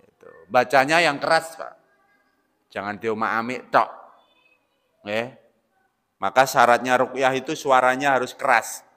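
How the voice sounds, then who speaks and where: Male preacher, bright forceful tone, high-ish pitch, animated loud-soft delivery, long hall reverb. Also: unhurried, long pauses, smooth. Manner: animated, swings between loud emphatic bursts and quiet asides; keeps addressing listeners as "Pak". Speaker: Islamic preacher. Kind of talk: lecture-style religious sermon.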